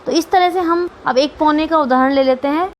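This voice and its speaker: A woman teacher with a high voice explains grammar to her students. She is patient, says each term twice and keeps checking that they follow. A faint room hiss sits under her voice. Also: fairly quick, dull audio. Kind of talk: Sanskrit grammar lesson for students.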